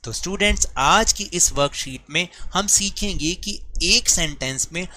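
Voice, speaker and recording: Slow-talking bright-voiced Indian teacher man. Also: sits high, poor audio. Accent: Indian English. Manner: slow, deliberate English lines mixed with quicker Hindi explanation. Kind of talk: explaining a grammar worksheet.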